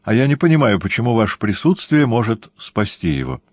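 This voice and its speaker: A firm, reproachful young woman from an audiobook, as a man reads her lines. The voice stays low and the sound is dry. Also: very animated, fairly quick, dry recording.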